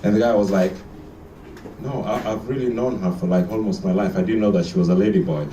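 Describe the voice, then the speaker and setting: A man's voice: lowish voice, fairly even intonation, brisk, dark tone, echoey room, recorded from a distance, slight background noise. A man from Kenya performing a stand-up comedy set, telling stories and acting out the dialogue. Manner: storytelling, acts out dialogue with shifting voices. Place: live comedy venue with audience.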